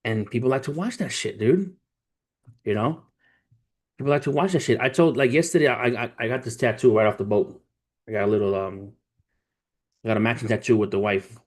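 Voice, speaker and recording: Medium-pitched and brisk, he pauses often as he talks. A trader in his thirties hosting a livestream, he chats casually with slang and swearing, calling his audience family while telling stories and motivating them.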